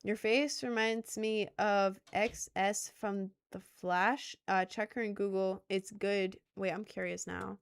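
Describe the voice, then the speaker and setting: Her medium-pitched voice stays steady and smooth, slow but with hardly any pauses, and a touch of vocal fry. She's a young content creator in her twenties from Maryland, rambling through a casual livestream chat and teasing herself. The accent is lightly Southern American with some New York mixed in.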